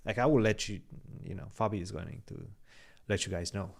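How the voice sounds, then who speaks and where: A young man whose first language is Romanian co-hosts a chess podcast stream, reading chat, chatting casually with viewers and thinking aloud over moves as he provides game commentary. His voice is fairly low, brisk and creaky.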